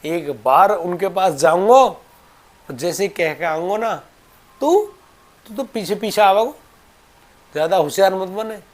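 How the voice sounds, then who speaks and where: A man's voice: high voice, a little slow, long pauses, voice pushed up. A man voicing a stubborn, devoted old male ascetic who scolds in rustic speech. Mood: indignant.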